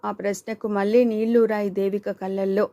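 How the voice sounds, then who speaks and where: A woman reading an audiobook in steady scripted narration on a close mic. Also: mid-range voice, moderate pace, dry recording. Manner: steady storytelling.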